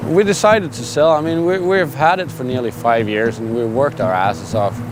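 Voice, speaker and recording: A middle-aged Danish fishing guide talks candidly and in a relaxed way in a documentary interview, with frequent "uh"s and restarts. His voice is mid-range at normal speed, and music plays in the background.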